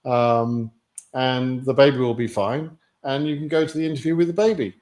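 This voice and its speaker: During a livestream Q&A, a British-accented man fields viewer questions on immigration lottery topics, reading them out and replying bluntly and matter-of-factly. His medium-pitched, darkish voice stays steady at a normal speed.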